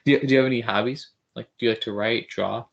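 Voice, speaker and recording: Fast-talking, gravelly podcast host. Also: male voice, mid-range voice, fairly even intonation, lo-fi sound. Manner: fast, joking, enthusiastic. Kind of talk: casual interview chat.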